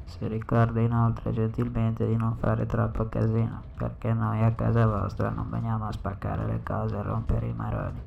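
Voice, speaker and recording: A man's voice: fairly low pitch, monotone, normal speed, gravelly, hardly any pauses, phone-quality sound, slight background noise. A man voicing a rude male train station announcer over a station PA system, mock-polite and then crude. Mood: mock formal. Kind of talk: comedy sketch.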